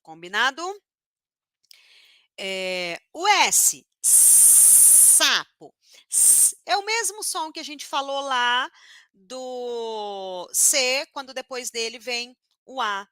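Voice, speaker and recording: Woman teacher w/ a paraná accent, slow and bright, very dry close sound. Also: a little high, animated, clean tone, no echo. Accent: northern Paraná Brazilian Portuguese. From northern Paraná, Brazil. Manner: demonstrates sounds slowly and repeats them. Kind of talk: live online phonetics lesson.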